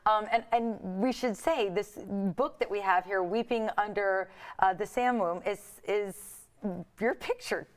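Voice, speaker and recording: A woman's voice: medium pitch, measured pace. Effusive woman hosting a TV interview. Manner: effusive, repeats praise. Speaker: TV show host.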